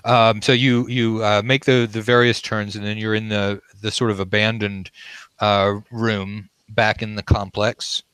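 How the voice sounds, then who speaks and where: A man improvising narration as game master of a tabletop game, often halting to search for words. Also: on the low side, flat delivery, a bit bright, clean tone, no echo, low-quality recording.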